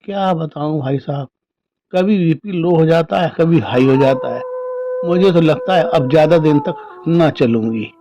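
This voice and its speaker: A man's voice: fairly high pitch, measured pace, background noise. A man voicing a pampered middle-aged woman who dotes on her cats and whines about her illnesses, speaking in a coaxing, doting way. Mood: whiny. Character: pampered middle-aged woman, whiny hypochondriac cat lover.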